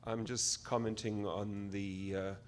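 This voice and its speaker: A man's voice: on the low side, flat delivery, a little slow, a little hiss or hum. A man, a physician delegate, commenting from the floor of an assembly, hesitant with fillers and repeats.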